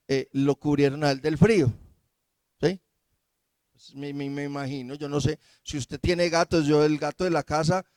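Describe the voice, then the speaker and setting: Man preaching, Colombian accent, lively sermon, slightly high voice, dry close sound. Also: no room sound. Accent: Colombian Spanish. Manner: lively, acts out Bible characters in asides.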